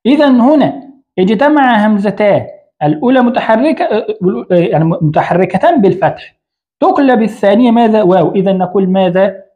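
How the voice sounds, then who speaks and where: A man's voice: high voice, animated, fairly quick, narrow, tinny audio. A man teaching Arabic grammar in an online lesson. He writes on a board as he explains, asks the learner a question, answers it himself, and often corrects his own slips.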